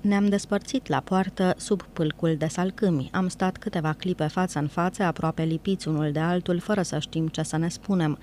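A woman reading a novel aloud in calm, measured narration. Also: fairly low pitch, a little hiss or hum. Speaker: audiobook reader. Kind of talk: scripted narration.

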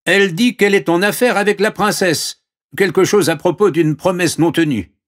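A man's voice: sits high, moderate pace, voice pushed up, lightly acted. A man voicing a young palace servant announcing news in a storybook reading.

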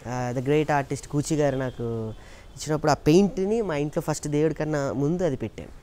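A man's voice: fairly high pitch, fairly quick. A man being interviewed about his career as a mimicry artist, telling stories earnestly and acting out the voices of the people he quotes. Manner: earnest, animated storytelling that acts out quoted voices. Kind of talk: casual interview talk.

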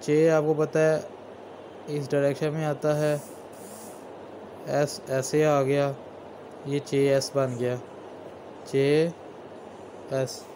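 A man teaching shorthand in a slow, unhurried way, naming each stroke and repeating it as he writes. His voice sits a little high for a man. Faint background noise and the odd passing vehicle can be heard. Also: little pitch movement. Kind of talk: step-by-step lesson while writing.

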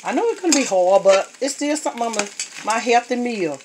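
She speaks briskly in a slightly high voice with lively intonation, a home cook vlogger narrating casually and often calling out to her viewers with "y'all." The kitchen recording, made on a phone camera over the pot, is noisy with clattering pots and utensils.

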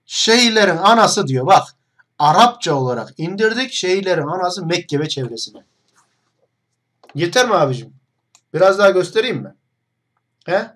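A man's voice: high-pitched, big pitch swings, moderate pace, pauses often, a bit bright. A young man hosting an online video, talking straight to the camera in a mocking, combative monologue full of rhetorical questions.

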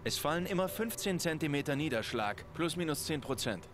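A man playing a serious, analytical investigator in a dubbed video game, giving a measured, matter-of-fact briefing. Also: a little high, lively intonation, noisy background, lightly acted. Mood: serious, factual. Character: serious analytical male investigator in his thirties.

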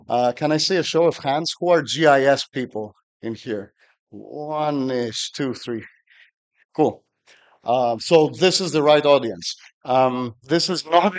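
A middle-aged man from Greece, giving a technical conference talk at a podium with dry humor and frequent fillers. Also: mid-range voice. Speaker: conference speaker.

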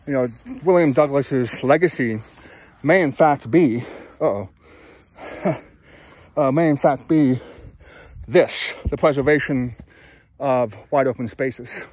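A man in his thirties walking outdoors, talking to a phone held at arm's length in a halting, self-deprecating way, sweaty from hiking. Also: medium pitch, a little mellow, dry recording. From California, USA. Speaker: travel vlogger. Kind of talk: rambling walk-and-talk vlog. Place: outdoors on open hills.

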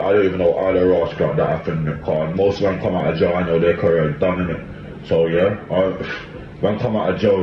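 Deep-voiced London man in an echoey room. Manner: emphatic, repetitive, with frequent tag questions. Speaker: commentator. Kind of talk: casual opinion monologue in street slang. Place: small tiled room indoors. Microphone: phone at arm's length. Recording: muffled, echoey small room with faint noise.

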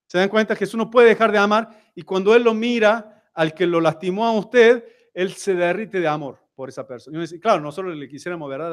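A man with a Rioplatense Spanish accent giving a conversational sermon in a church, putting frequent rhetorical questions to the congregation. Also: sits high. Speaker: seminar speaker at a church.

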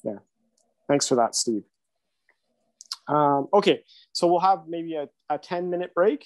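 This thirties-aged workshop instructor has a fairly high, expressive voice and keeps a measured pace, with no room sound on the recording. Working in a home studio room with tape equipment, he runs an informal tutorial, chatting casually and reasoning out loud while he shows how things are done.

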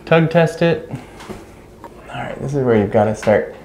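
A man in his thirties, an electrician, explains each step while he installs a ceiling light, in a relaxed, practical way. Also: medium pitch, takes it slowly, a little hiss or hum. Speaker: electrician instructor. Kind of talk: hands-on how-to narration. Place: small room in a house, indoors.

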